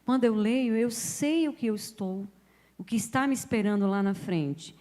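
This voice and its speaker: A woman's voice: fairly high pitch, normal speed, dark tone, big-room sound. A woman speech therapist explaining patiently, giving examples to an audience. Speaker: speech therapist guest speaker. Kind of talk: explanatory talk.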